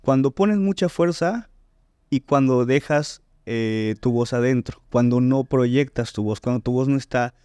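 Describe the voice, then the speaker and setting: A voice teacher and singer takes his time explaining technique during a podcast interview, his mid-range voice mellow, clear, and resonant. He teaches didactically and checks in often with "¿no?" and "¿sí?", and the clean studio sound has no room sound.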